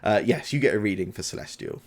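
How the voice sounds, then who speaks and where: A man's voice: fairly low pitch, expressive. A man working as game master, narrating a tabletop game in a hesitant, improvised way. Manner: hesitant, halting.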